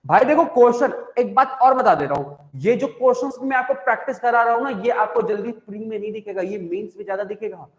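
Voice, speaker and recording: A man's voice: high-pitched, quick pace, hardly any pauses. A man with an Indian accent teaching English grammar in a live online class, explaining by repeating points and asking the class questions. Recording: echoey room with long reverb.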